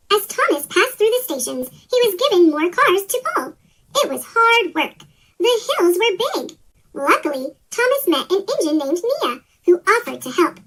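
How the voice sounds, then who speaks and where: Sped up with a chipmunk pitch-shift, a woman's somewhat bright voice narrates a children's story from a script, reading it aloud.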